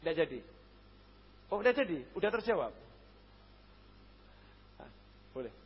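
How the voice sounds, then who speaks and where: A man giving a jokey religious lecture to a congregation, swinging between loud urging and quiet asides. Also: on the high side, sing-song, unhurried, husky. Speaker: preacher. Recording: dull lo-fi hall recording.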